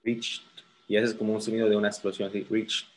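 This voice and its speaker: A man's voice: lowish voice, completely flat delivery, rapid-fire, darkish tone, slight background noise, poor audio. A man tutoring a student one-on-one for a grammar exam, patiently repeating words to correct pronunciation. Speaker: English tutor. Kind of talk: one-on-one TOEFL grammar lesson.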